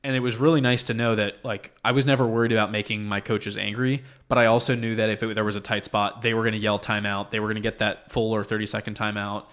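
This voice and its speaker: Lowish-voiced young man hosting a podcast. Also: fast talker, hardly any pauses. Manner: animated storyteller, acts out quotes. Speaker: podcast host. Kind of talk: casual podcast conversation.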